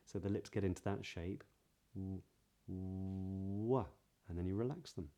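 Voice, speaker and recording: A man's voice: sits low, animated, fast, vocal fry, dark tone, soft background music. A man with a Southern British accent, teaching pronunciation as a voice coach with careful, precise articulation. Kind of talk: pronunciation lesson.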